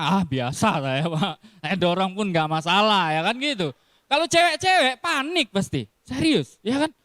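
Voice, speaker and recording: A man's voice: a little high, a bit bright, no echo, studio quality. A man giving a casual sermon in style, telling stories with acted quotes and frequent laughs. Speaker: preacher.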